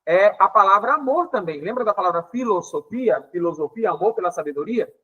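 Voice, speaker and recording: A man's voice: high-pitched, expressive, a little fast, bright, forceful tone, breathy edge, highs cut off. A man with an accent from Pará teaching a Bible lesson, explaining Greek words and acting out dialogue with playful exasperation. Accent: Paraense Brazilian Portuguese. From Pará, Brazil. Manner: explanatory, with frequent "tá?" check-ins.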